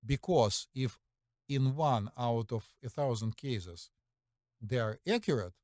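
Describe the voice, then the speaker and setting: A man's voice: mid-range voice, slow, a little mellow, no room sound, clean studio sound. A middle-aged man with a Russian accent, a physician co-hosting a podcast, telling stories confidently with many fillers and a repeated "right?". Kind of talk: casual storytelling chat.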